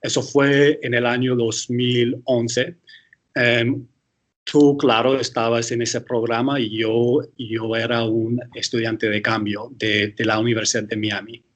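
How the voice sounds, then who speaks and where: An American attorney and guest lecturer answers interview questions in Spanish, hesitating, correcting himself, and restarting often. His mid-range voice is delivered flatly and without hurry.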